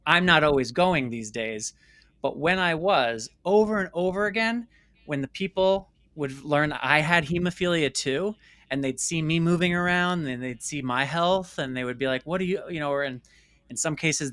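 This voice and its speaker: Speaking at a moderate pace, a man with a slightly high, somewhat bright voice recounts reflective personal stories as an interview guest. He's an American documentary filmmaker who talks earnestly and emphatically, repeating words for stress, and there's no echo in the recording.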